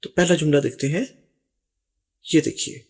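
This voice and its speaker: A middle-aged man giving a language lesson, slowly repeating each phrase and translating it word by word. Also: fairly high pitch, steady tone, darkish tone. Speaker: English teacher.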